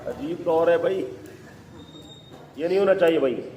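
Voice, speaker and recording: A man teaching a religious class, dictating each phrase slowly and firmly and scolding his students in between. His voice sits a little high. He is recorded in a lecture hall with a long, ringing echo and faint room noise behind him. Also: dark tone. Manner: slow emphatic dictation, scolding asides.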